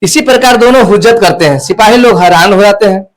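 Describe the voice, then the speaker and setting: Brief: male teacher, high voice, explanatory lesson narration. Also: fast, rough recording. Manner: explanatory, repeats lines to clarify. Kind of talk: retelling and explaining a textbook play.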